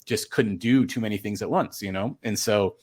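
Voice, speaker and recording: A man's voice: on the low side, normal speed, a little mellow. A man talking casually as an interview guest, rambling earnestly with many fillers and restarts. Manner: earnest, emotional storytelling. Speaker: storm chaser guest.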